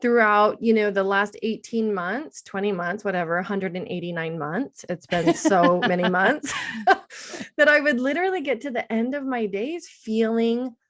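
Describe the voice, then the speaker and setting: A woman's voice: medium pitch, moderate pace, hardly any pauses, fairly bright tone. A middle-aged woman hosting a podcast interview, chatty and enthusiastic, laughing often. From United States, Seattle-based. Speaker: podcast host, attorney. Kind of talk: casual interview chat.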